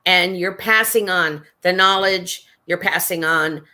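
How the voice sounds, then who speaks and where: A woman co-hosts a casual online talk show, affirming and teasing her partner. Her voice is bright and forward. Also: lowish voice, unhurried. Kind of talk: casual chat.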